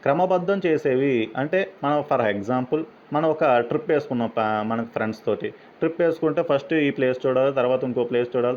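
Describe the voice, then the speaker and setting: Man explaining exam questions. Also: medium pitch. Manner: explains step by step, asks and answers his own questions. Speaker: teacher. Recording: slightly dull, faint background noise.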